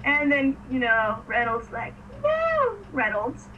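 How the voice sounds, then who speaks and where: A woman co-hosting a casual fan podcast, giggly and excitable, acting out scenes as she retells them. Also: a little high, moderate pace, distant mic. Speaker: podcast co-host. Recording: dull lo-fi sound with faint noise, off-mic.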